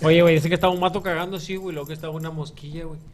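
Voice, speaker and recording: A man's voice: fairly high pitch, fairly even intonation, rapid-fire, over a noisy crowd. A man rambling through a crude joke, padding it with slang fillers. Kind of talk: casual comedy chat.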